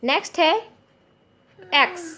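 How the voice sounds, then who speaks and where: A woman with an Indian accent teaching phonics to parents, repeating each letter sound slowly and clearly. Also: very high voice, pushed and bright.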